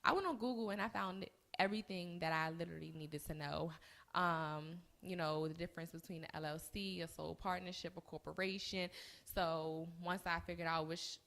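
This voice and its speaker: A woman's voice: on the low side, fairly even intonation, moderate pace, creaky, a bit bright. A woman in her early twenties, a podcast co-host, telling her story in casual, chatty chat with laughs. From United States. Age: 20s. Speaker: co-host and business owner. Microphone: live-streamed recording.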